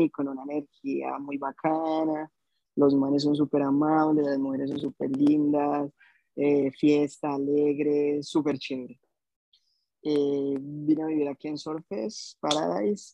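Colombian man, a bit high and gravelly, relaxed chatty storyteller, slightly dull lo-fi sound. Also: no echo. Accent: Colombian Spanish. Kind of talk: casual chat.

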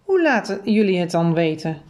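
A woman's voice: fairly low pitch, very animated, normal speed, darkish tone. A woman voicing a stern but kindly grown man who questions two children with doubtful, probing questions in a read-aloud storybook. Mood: questioning.

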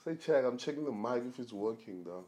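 A man's voice: mid-range voice, animated, brisk, darkish tone. A man hosting a solo podcast, talking casually in a rambling, joking way with plenty of slang. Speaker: podcast host.

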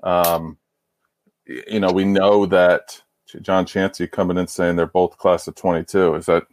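A man co-hosting a casual sports podcast, speaking haltingly and often repeating words as he starts sentences. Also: sits low, level tone, no echo. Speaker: podcast co-host.

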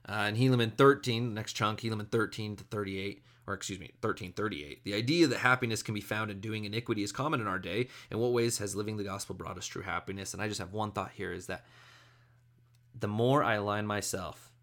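Casual low-voiced man talking scripture. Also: steady tone, quick pace, fairly bright tone. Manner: conversational, self-deprecating, with asides and restarts. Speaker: scripture study presenter. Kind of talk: casual devotional talk.

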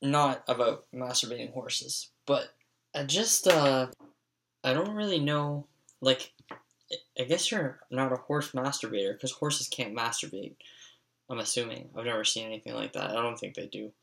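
Gravelly young man telling rambling stories. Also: medium pitch, moderate pace, a bit bright. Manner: profane, rambling, full of "like" fillers. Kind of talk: casual storytelling monologue.

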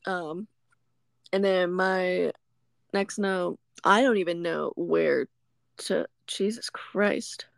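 On a remote call, a woman co-hosting a podcast casually recaps a movie one scene at a time, frequently breaking into laughter. She speaks slowly in a low-side voice with vocal fry, and the recording is dry.

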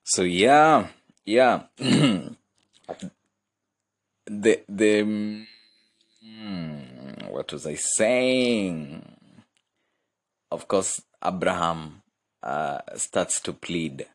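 A man preaching a sermon, reading scripture aloud and explaining it with animated asides. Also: low-pitched, drawn-out words, pauses often. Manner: animated, laughs often, switches into Swahili.

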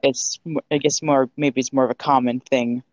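Woman co-host, playful quick reactions, dull dry mic sound. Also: very deep voice, fairly even intonation, a little mellow, dry recording. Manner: playful reactions, short quips. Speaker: podcast co-host. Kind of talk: casual chat.

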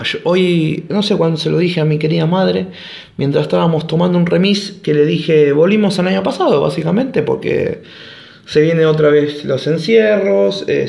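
A man's voice: fairly high pitch, creaky, reverberant. A man with an Argentine Rioplatense accent hosting a casual monologue podcast, rambling with sarcastic joking asides. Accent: Argentine Rioplatense Spanish. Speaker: podcast host.

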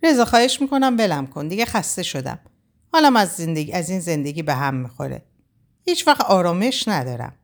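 A woman's voice: fairly low pitch, big pitch swings. Woman reading as a tearful, furious young woman. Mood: angry. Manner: sobbing, raised and pleading outbursts. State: crying. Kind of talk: audiobook character voice.

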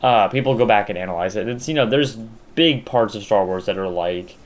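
A man's voice: on the low side, brisk. A young man chatting casually as a podcast co-host, rambling with lots of fillers and restarts. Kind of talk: casual chat.

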